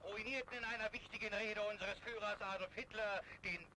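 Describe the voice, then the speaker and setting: A man's voice: high voice, fairly even intonation, brisk, pushed and bright, a little hiss or hum, poor audio. A man announcing in an angry, ranting way on an old newsreel recording.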